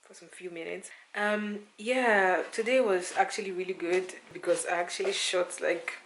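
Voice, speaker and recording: A woman's voice: mid-range voice, steady tone, normal speed, noisy background. A woman vlogger chatting casually to her viewers, with informal, emphatic and repetitive wording.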